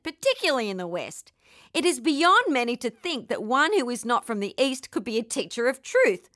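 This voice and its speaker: A woman with an Australian accent giving an earnest, gently enthusiastic spiritual talk. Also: high voice, no room sound, studio quality. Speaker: spiritual teacher.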